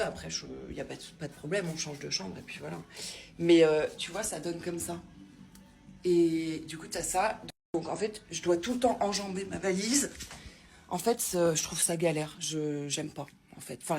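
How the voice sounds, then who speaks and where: A woman vlogging casually from a hotel room, rambling and chatty with many fillers and restarts, recorded on a handheld phone. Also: medium pitch. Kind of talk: casual travel vlog chat.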